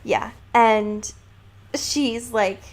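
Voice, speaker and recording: A woman with a fairly high voice co-hosts a casual podcast discussing a book, retelling scenes with amusement and often slipping into quoted dialogue padded with small filler words. Her tone is steady, she draws out words, and crowd noise can be heard.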